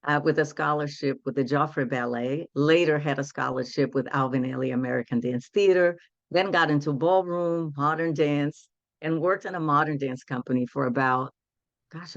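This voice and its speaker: She's a guest women's empowerment coach from Brazil, in her sixties, with Portuguese as her first language, sharing stories in English in an earnest, reflective interview. Her voice is low, the audio lo-fi, with no room sound at all.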